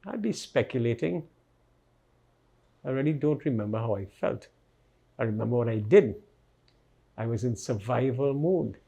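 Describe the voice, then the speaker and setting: A man's voice: mid-range voice, lively intonation, normal speed, vocal fry, pauses often, warm tone, breathy edge. A man giving a vivid personal account in an interview, acting out the voices he quotes.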